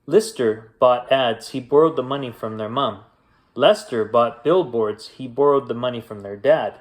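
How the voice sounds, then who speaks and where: A man reads a children's picture book aloud as a bedtime storyteller, expressive and unhurried in a medium-pitched voice, pausing deliberately for drama.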